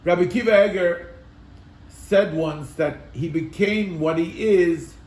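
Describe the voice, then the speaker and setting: Male rabbi, high voice, earnest teaching with rhetorical questions, reverberant room. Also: a little slow, a little mellow. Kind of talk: Torah class with storytelling. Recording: echoey room.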